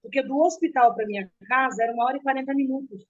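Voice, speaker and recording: Earnest middle-aged woman, halting speech. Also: high voice. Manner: halting, with restarts and repeated words. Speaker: interviewee. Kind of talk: emotional personal storytelling. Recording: dull, muffled recording.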